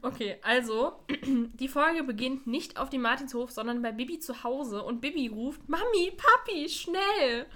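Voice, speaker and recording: A woman's voice: fairly high pitch, normal speed, few pauses, fairly bright tone. A young woman co-hosting a podcast in casual chat, retelling an episode with giggles and little acted-out character lines. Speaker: podcast co-host. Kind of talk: casual chat recapping an audio play episode.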